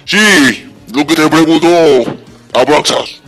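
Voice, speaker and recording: A man hosts a comedy radio skit and talks in a playful, joking manner. His voice sits a bit high. Faint music plays underneath. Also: animated, slow pace, bright, forceful tone. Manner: playful, laughing.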